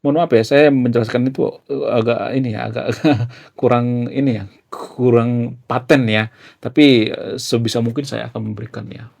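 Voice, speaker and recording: Young guy talking to camera, gravelly and a bit husky, lots of fillers. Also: medium pitch, fairly even intonation, normal speed, a little mellow. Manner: chatty, filler-heavy, often ends with "ya". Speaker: YouTuber. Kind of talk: casual explainer monologue.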